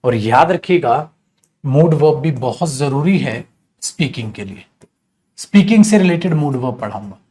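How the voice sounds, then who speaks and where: A man teaching spoken English and explaining in Hindi, patient and encouraging with his students. His voice sits at an ordinary middle pitch. He mixes English example sentences into his explanations. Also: expressive, normal speed, darkish tone, a little hiss or hum.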